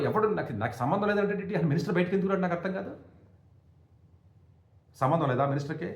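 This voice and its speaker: A man's voice: mid-range voice, echoey room. A man giving an impassioned monologue as an education commentator, indignant and full of rhetorical questions and restarts.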